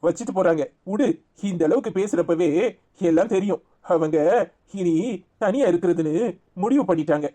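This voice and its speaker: Someone doing a calm reassuring cartoon husband. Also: mid-range voice, normal speed, natural voice. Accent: Tirunelveli Tamil. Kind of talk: cartoon serial acting.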